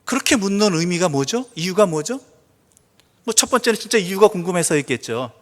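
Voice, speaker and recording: A male pastor preaching a sermon, asking the congregation questions, answering them himself, and reading scripture slowly and softly. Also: high-pitched, lively intonation. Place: church sanctuary. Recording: long church reverb.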